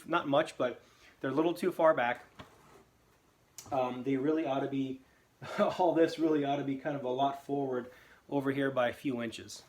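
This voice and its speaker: A man hosting a casual product review, talking in a rambling, offhand way in his echoey home basement. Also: mid-range voice. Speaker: host.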